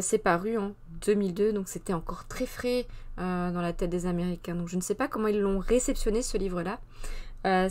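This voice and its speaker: A woman talks through a casual book review on a live stream in a voice of middling pitch. She hesitates often, fills gaps with fillers and restarts her sentences, then gives her frank personal opinion. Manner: hesitant, many fillers and self-corrections. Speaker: host of a culture segment.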